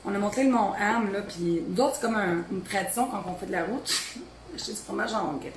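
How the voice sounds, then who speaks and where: A woman's voice: mid-range voice, brisk, a little hiss or hum. Chatty Quebec woman in an echoey kitchen. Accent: Beauce Quebec French. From Quebec, Beauce region. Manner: chatty, rambling, talks to family off camera. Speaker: home cooking vlogger. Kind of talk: casual kitchen chat. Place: home kitchen.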